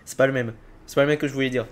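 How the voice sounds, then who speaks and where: A man with a French accent doing casual reaction commentary, excitable and slangy, with loud outbursts. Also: mid-range voice, fast talker. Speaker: video reactor host.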